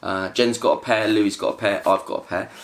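Seated on a living room sofa, this thirty-something British family vlogger chats casually about gear in a relaxed product haul, upbeat and laughing between items. He speaks a little fast in a fairly low, steady, creaky voice. The tripod-mounted camera in front of him picks it all up.

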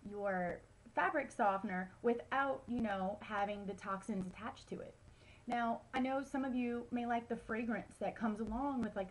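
Speaking to a nearby webcam in a small indoor room at home, a wellness vlogger in her thirties chats through casual how-to tips, with lots of ums and likes. Her voice is mid-range, and the poor audio carries a bit of hiss or hum.

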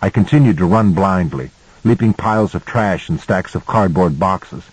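Low husky male audiobook narrator. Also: lively intonation, darkish tone, dry recording, poor audio. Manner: measured storytelling. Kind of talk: scripted first-person audiobook narration.

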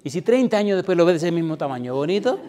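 Dramatic male preacher, loud to hushed. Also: fairly high pitch, big pitch swings, racing. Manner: dramatic storyteller, acts out voices and swings from loud to hushed; pleading altar call. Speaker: pastor. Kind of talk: sermon.

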